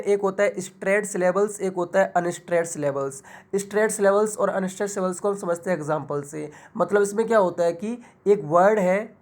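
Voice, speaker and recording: A woman's voice: lowish voice, darkish tone. A woman teacher explaining an English lesson in Hindi, asking herself questions and answering them, with an Indian English accent. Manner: explains step by step with rhetorical questions and frequent "ठीक है"; drawls example words slowly to show stress.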